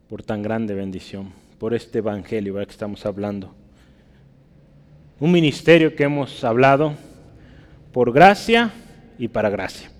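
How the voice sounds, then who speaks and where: A man's voice: medium pitch, a little mellow. A man preaching a sermon and reading scripture aloud, emphatic, often checking in with his listeners. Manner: emphatic, often asks "¿verdad?". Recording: long hall reverb.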